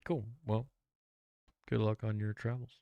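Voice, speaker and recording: A man's voice: fairly low pitch, little pitch movement, a little slow, gravelly, no room sound, muffled recording. A man streaming live, reacting casually and reading chat aloud in a laid-back, slangy way.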